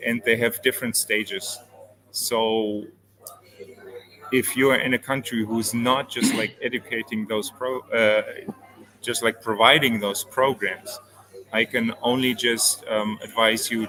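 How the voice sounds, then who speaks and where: Fairly low-pitched and flat, this man speaks unhurriedly in a pushed, bright voice, captured on poor audio. He's a performance coach from Switzerland, carefully explaining interview answers step by step with many fillers.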